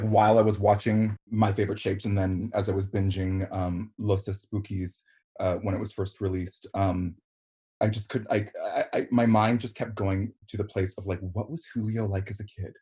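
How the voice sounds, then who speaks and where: A man's voice: on the low side, fairly even intonation, moderate pace, warm tone. A man in his thirties from Canada, hosting a podcast in a chatty, effusive way full of fillers. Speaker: podcast host. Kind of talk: casual interview chat.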